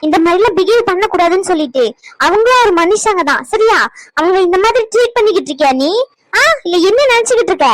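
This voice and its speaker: A woman's voice: very high voice, lively intonation, fast talker, low-quality recording. A woman voicing a stern young mother in a cartoon, scolding with repeated demanding questions. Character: stern young mother who also plays a timid nurse. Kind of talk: cartoon voice acting.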